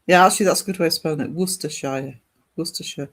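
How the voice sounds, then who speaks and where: Reading viewers' comments and replying at a rapid-fire clip, a livestream host from northern England chats in a loose, rambling way. His British-accented voice is a little high and fairly bright.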